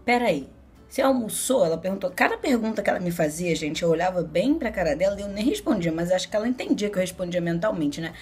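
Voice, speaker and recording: A woman's voice: lowish voice, lively intonation, fast talker, few pauses, a little mellow, faint music behind. A young woman with a Brazilian Portuguese accent telling a personal story casually to her viewers, chatty and laughing as she acts out what people said. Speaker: vlogger.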